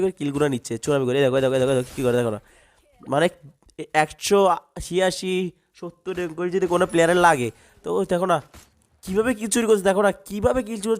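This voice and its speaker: A man with a hoarse, strained voice runs through gameplay commentary at a rapid clip. His voice sits a bit high, and it jumps into excited yelps when fights break out. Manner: excitable, yelps sharply in fights and grumbles at other players. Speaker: gaming channel host.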